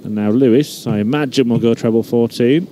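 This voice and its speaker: A man delivers live darts commentary in a mid-pitched, mellow voice. There is faint noise behind him as he follows the play. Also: brisk.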